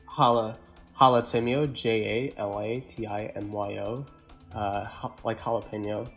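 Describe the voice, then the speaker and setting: A man chatting casually on a podcast in a laid-back, slangy way, often halting and repeating words. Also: fairly low pitch, fairly even intonation, dull audio, faint music behind. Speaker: podcast co-host or guest. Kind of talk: casual chat.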